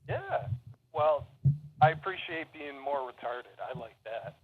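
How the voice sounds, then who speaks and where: Male caller on a phone speaker; husky, lively pitch, faint and distant. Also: a little slow, phone-quality sound. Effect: heard through a phone speaker.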